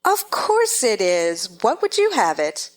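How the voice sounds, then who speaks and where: A woman's voice: a little high, huge pitch swings, slow, heavily acted. A woman playing a haughty, bossy chess-piece queen who gives imperious, scolding orders in a theatrical stage-play reading. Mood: brisk, condescending. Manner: imperious, clipped commands, scolding.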